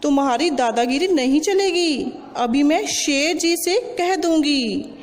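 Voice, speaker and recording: A woman's voice: high voice, expressive, takes it slowly, in a large hall. Woman doing a tiny taunting ant. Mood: defiant. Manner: taunting, defiant. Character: tiny cheeky female ant.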